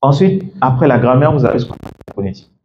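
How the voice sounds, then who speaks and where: A man's voice: mid-range voice, animated, racing, highs cut off, slight background noise. A man working as an English coach gives a classroom lecture, explaining step by step and often checking in with "d'accord?".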